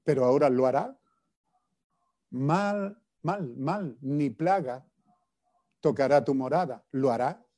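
A man's voice: mid-range voice, slow, long pauses, dark tone. A man preaching a sermon, retelling stories with acted-out quotes and asking his congregation rhetorical questions.

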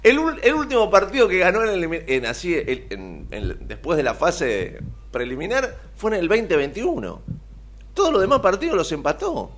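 An Argentine man hosting a radio talk show, his pitch swinging widely as he tells stories. He talks in a loose, animated way and laughs often. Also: normal speed. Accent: Argentine (Rioplatense). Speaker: radio host. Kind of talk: casual chat.

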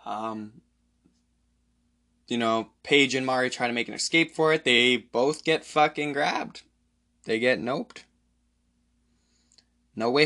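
A man hosting a solo podcast, retelling a movie's plot in a rambling, profane way full of fillers and throat clearing. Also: mid-range voice, pushed and bright. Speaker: podcast host.

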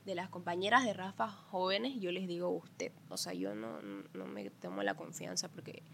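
Woman telling lively family stories. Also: lowish voice, normal speed, gravelly, slight background noise. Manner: animated storyteller who acts out family members' voices. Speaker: podcast guest. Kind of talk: casual conversation.

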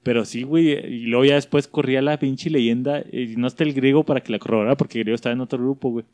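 Fast-talking Mexican man telling stories. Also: mid-range voice, fairly even intonation, darkish tone, no echo. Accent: Mexican Spanish. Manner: slangy storytelling, acts out quoted voices. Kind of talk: casual chat.

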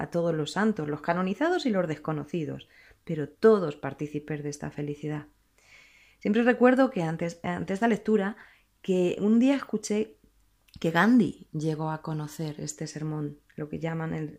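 A woman delivers a sermon, earnest and reflective. Her voice sits low and has a gravelly, creaky edge. She pauses often and restarts her phrases as she thinks aloud. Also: darkish tone. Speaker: preacher.

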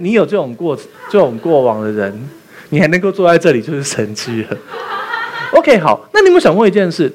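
A man preaching a sermon as pastor, animated and quizzing the congregation with rhetorical questions. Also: a little high, slight background noise.

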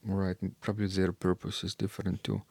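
A man co-hosting a talk about organ music, speaking slowly and hesitantly with many fillers. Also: low voice, completely flat delivery, vocal fry, darkish tone, slightly rough, dry recording. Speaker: podcast co-host discussing organ music. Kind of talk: casual discussion.

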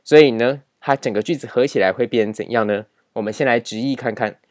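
Over a set of slides, a male language teacher patiently works through a grammar lesson, repeating the key ideas and dropping in lots of filler particles. He's a fast talker with a medium-pitched voice.

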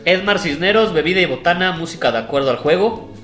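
A man's voice: on the high side, animated, fast talker, a bit bright, roomy sound, soft background music. A Mexican man co-hosting a casual podcast, joking and bantering with his friends. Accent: Mexican Spanish. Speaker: podcast co-host. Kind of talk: casual chat.

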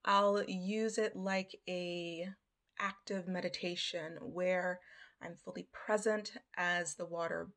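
A woman hosting a podcast, speaking in a reflective, deliberate monologue with pauses. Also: on the low side, fairly bright tone. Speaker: podcast host.

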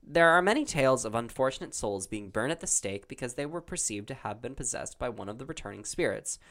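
Animated man reading trivia. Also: medium pitch. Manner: animated, halting, laughs often. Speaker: quiz reader. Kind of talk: casual chat reading trivia aloud.

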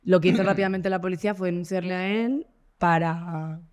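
A woman with a Spanish accent, a guest on a podcast interview, telling a story in a blunt, animated way with swearing. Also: fairly low pitch, fairly quick. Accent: Spain. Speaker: guest singer and activist.

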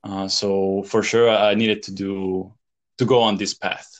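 A young man from El Salvador answers interview questions about his studies and work. His voice sits a little low, and he talks in a halting way, full of fillers and restarts. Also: level tone. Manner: hesitant, many fillers and restarts. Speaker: guest, PhD student in chemistry.

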